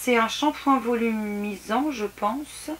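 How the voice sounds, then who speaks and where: A woman's voice: a little high, slow pace. Chatty woman reviewing beauty samples. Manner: chatty, hesitant with many restarts and fillers. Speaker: beauty vlogger. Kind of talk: casual product unboxing review. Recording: faint background noise and clicks.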